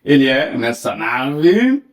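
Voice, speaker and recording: A man's voice: mid-range voice, sing-song, slow. A man hosting a podcast, opening with playful showman greetings and tossing in quips as he interviews. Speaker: podcast host.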